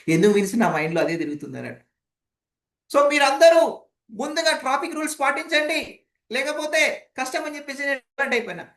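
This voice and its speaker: A woman teaching voice modulation in an online session, demonstrating loud, soft, fast and slow speech and asking the audience questions. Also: a little high, echoey room. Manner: demonstrative, shifts volume and pace on purpose to illustrate points; asks the audience rhetorical questions. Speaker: voice modulation trainer. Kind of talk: online training session lecture.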